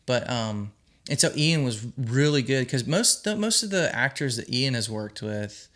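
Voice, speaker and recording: A man's voice: mid-range voice, expressive, a little slow, fairly bright tone. Rambling man sharing film-set advice. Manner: rambling, many ums and restarts, earnest advice. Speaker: film director. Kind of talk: casual vlog monologue.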